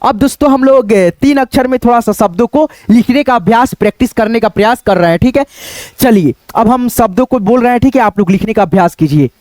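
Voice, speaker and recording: A man teaching Hindi writing online, dictating words slowly and breaking them into syllables, often checking in with his students. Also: very high-pitched, darkish tone, dry recording. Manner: slow, patient dictation, repeating words syllable by syllable; keeps checking in with "ठीक है" and "दोस्तों".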